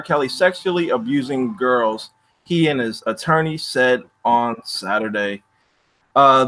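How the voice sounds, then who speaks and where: Male podcast co-host, sharp bright tone, reads news aloud. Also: a little high. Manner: reads a news report out evenly. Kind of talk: casual chat and reading news aloud.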